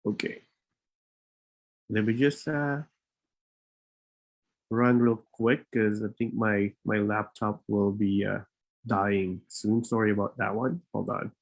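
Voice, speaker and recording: A man's voice: fairly low pitch, steady tone, slow, long pauses. A man hosting a live webinar, talking informally, with many fillers and restarts. He is a bit out of breath and speaks into a laptop mic. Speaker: immigration consultant and webinar host.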